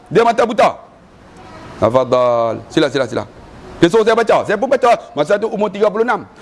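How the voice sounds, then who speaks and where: Malaysian Malay-accented male preacher, high voice, lively joking storyteller. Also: rapid-fire. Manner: animated storytelling with jokes and chanted recitation. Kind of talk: humorous sermon.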